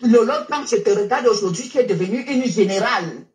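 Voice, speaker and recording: A woman's voice: medium pitch, lively intonation, fairly quick, darkish tone, reverberant. A tearful woman giving a repetitive, preachy rant on a live stream from her car. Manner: emotional, preachy, repeats herself. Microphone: phone while driving.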